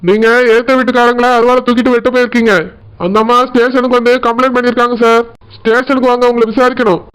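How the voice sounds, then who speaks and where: Cartoon cop, stern and threatening, rapid and squeaky-high, voiced by a man. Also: level tone, fairly bright tone, clean tone. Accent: Tirunelveli Tamil. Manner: firm, threatening. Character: stern brisk village policeman.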